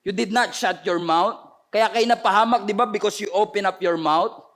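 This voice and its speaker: A man preaching a fervent sermon in a high voice that has gone hoarse. He slides between Tagalog and English and pushes his delivery into emphatic bursts as he speaks to viewers online. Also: normal speed, fairly bright tone. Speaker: pastor. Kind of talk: impassioned sermon.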